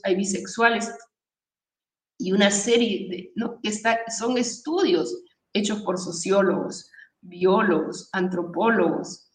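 A woman giving a spiritual talk to an audience, emphatic and preaching, with many rhetorical questions, recorded from some distance in an echoey room. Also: mid-range voice. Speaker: spiritual speaker. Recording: echoey room, voice from far off the mic.

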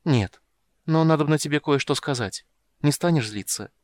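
A man's voice: on the high side, normal speed, darkish tone, dry recording, pitched above the performer's own voice, close to an everyday voice. A man voicing a merchant's wife, anxious and tender, who talks in an urgent, fussing way.

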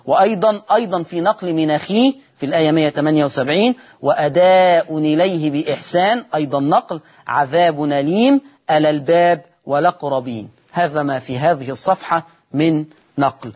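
The teacher is a man with a fairly high-pitched, darkish voice and an Egyptian Arabic accent, giving a Quran recitation lesson on TV. He answers his own spoken questions and chants the example words slowly, drawing them out.

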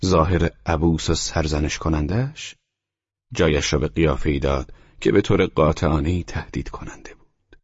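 Deep, husky male audiobook narrator. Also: no echo, highs cut off. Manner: measured, even storytelling.

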